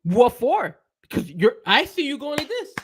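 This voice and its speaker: A man's voice: extremely high pitch, huge pitch swings, moderate pace, noisy background. A man co-hosting a casual wrestling talk show, ranting heatedly with cursing and rhetorical questions. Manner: rhetorical questions, laughs often. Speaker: co-host.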